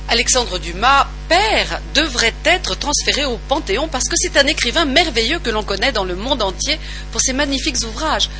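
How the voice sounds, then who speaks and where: Woman, reader, declamatory reading, lively rising and falling voice, steady music underneath. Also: mid-range voice, rough recording. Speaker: reader of listener messages. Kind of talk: expressive reading aloud.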